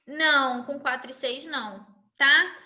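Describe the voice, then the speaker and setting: A woman's voice: high voice, fairly even intonation, unhurried, sharp tone, lo-fi sound. A woman teacher, giving a chatty live class and checking in with tag questions.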